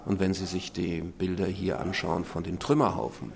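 A man speaking as an expert interviewee, emphatic and deliberate, repeating key phrases. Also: sits low, flat delivery, gravelly, a little mellow. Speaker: expert interviewee, memorial director. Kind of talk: spoken interview commentary.

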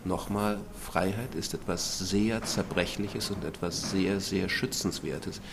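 Male expert interviewee, low and gravelly, deliberate emphasis, faint background noise. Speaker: expert interviewee, memorial director. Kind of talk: spoken interview commentary.

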